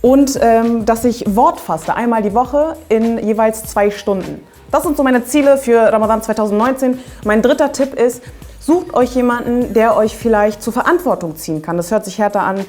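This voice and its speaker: A woman's voice: on the high side, moderate pace, darkish tone, faint music behind. A young woman hosting a comedy video, telling stories to the camera in a playful, exaggerated way. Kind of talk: comic storytelling to camera.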